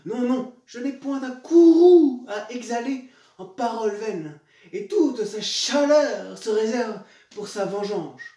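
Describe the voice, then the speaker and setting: Playing a proud, betrayed noblewoman in classical theatre, a man uses an extremely high-pitched, dark-toned full character voice, animated yet slow. He declaims with hammy, vengeful indignation. The recording sounds echoey, with him far from the mic.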